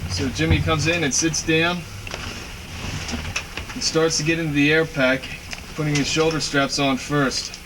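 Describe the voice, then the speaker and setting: A man's voice: on the high side, level tone, measured pace, long pauses. A man working as a fire company instructor, talking through a hands-on demonstration step by step in a plain, explanatory manner. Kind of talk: spoken step-by-step training demonstration. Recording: echoey, reverberant, distant mic, noisy background.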